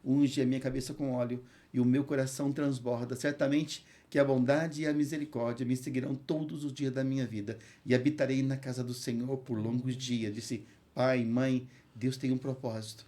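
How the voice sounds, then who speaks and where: A man with a Brazilian Portuguese accent, a hospital chaplain and pastor, tells an earnest testimony in an interview and recites scripture slowly. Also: mid-range voice, flat delivery, warm tone. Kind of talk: emotional testimony in a podcast interview.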